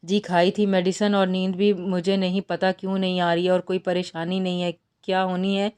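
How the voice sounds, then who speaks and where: A shy young woman answers in a hesitant, bashful way, with a low, even, clear voice, as a woman narrator reads her lines. She is a flustered heroine from a romance novel read aloud. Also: lightly acted. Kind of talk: audiobook novel reading.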